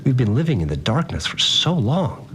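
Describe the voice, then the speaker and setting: A man's voice: mid-range voice, sing-song, moderate pace, a bit bright, a little hiss or hum. An actor playing an anxious, foul-mouthed male survivor who rambles through a slangy confessional audio diary in a podcast drama. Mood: awed, tense. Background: music.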